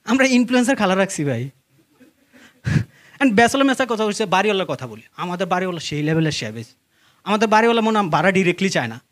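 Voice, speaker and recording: Very animated and fast, a young man whose voice sits high tells stand-up stories in a Bangladeshi accent while the crowd laughs. He keeps it conversational, addressing the audience and acting out exchanges, in a live stage recording with faint noise.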